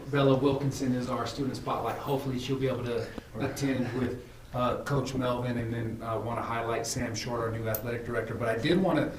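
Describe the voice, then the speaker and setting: A man, a high school principal who is losing his voice, presents at a school committee meeting in a halting way, full of fillers and restarts. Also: slight background noise. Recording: echoey room from far off.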